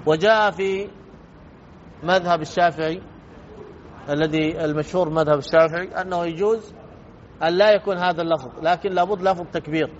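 A man's voice: a little high, steady tone, a little fast, pauses often. A man teaching a religious lesson on jurisprudence in a slightly raised voice. He lays out each ruling step by step and repeats his key points so they sink in. The recording is muffled and lo-fi, with a faint hiss underneath. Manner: methodical, repeats points for emphasis. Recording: dull lo-fi with faint noise.

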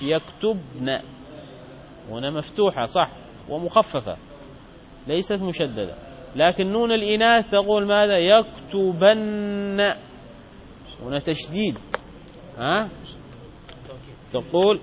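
A man teaching Arabic grammar in a lesson, drilling examples by slowly repeating words and asking questions he then answers himself. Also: sits high, lively intonation, highs cut off, slight background noise. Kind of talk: classroom lesson explaining grammar.

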